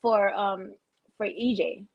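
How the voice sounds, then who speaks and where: A woman's voice: medium pitch, slow, vocal fry, dry recording, highs cut off. A woman, pushing back hard in a casual sports debate and laughing often. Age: 40s. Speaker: co-host.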